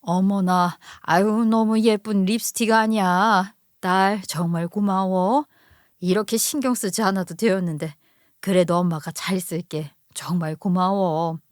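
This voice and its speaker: A woman voicing a kind older mother who speaks softly, slowly and politely in a storybook radio reading. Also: on the high side, no room sound, studio quality, natural voice. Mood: touched. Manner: soft, slow, polite. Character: gentle, kindly older mother.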